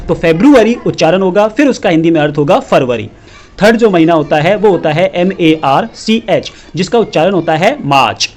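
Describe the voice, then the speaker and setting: A man giving an online English lesson in Hindi, spelling words out slowly letter by letter and breaking into animated, scolding asides. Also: high-pitched. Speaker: English teacher.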